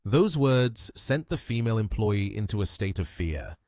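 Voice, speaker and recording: A man with a fairly low voice reads out a comic recap in scripted narration. His delivery is animated, with wide pitch swings, and the recording is dry and close with no room sound. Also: normal speed, no echo.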